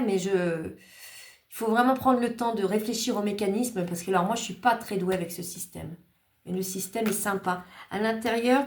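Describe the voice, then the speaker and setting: A woman hosting a craft channel, casually showing cards she was sent and thanking each maker in a chatty, grateful way with small hesitations. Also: on the high side. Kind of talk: casual show-and-tell of cards. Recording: echoey room.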